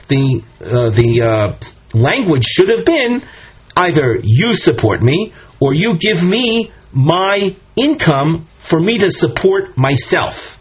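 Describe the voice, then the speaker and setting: Husky man teaching a Talmud passage. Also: a little high. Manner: explains step by step, quoting Aramaic and Hebrew phrases, frequent restarts. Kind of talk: text study lesson. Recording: dull lo-fi audio recording.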